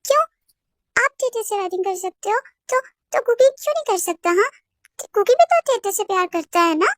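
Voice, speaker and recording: A woman's voice: very high-pitched, animated, normal speed, no room sound, studio quality. A woman doing a sulky childlike young man. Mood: whiny. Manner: whiny, stammering baby talk, speaks of himself by name.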